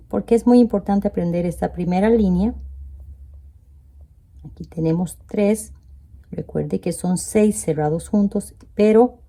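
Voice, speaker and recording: A woman's voice: on the low side, gravelly, mellow. A woman teaching a crochet tutorial step by step, counting stitches aloud and checking in with viewers. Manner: addresses viewers directly with "¿ven?". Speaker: crochet instructor.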